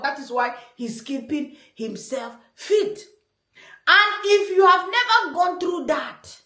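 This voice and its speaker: A Nigerian woman comments on a clip in a playful, teasing way and keeps breaking into laughter. Her voice sits very high and jumps around a lot. The room gives her voice a noticeable echo. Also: fairly bright tone. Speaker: online commentator. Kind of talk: reaction commentary. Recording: roomy echo.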